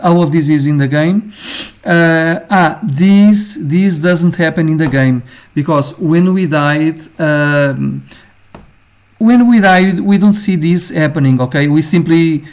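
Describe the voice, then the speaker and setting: Portuguese-accented male teacher, slightly high voice, casual halting lesson delivery. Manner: halting, many fillers, ends phrases with "okay?". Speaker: game design teacher. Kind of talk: informal screen-share lesson.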